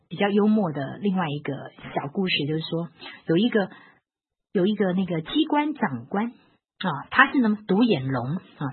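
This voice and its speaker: A woman giving a recorded lecture on logic, explaining with worked examples, repeating key phrases and filling pauses with soft particles. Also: fairly low pitch, breathy edge. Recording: lo-fi, phone-like band.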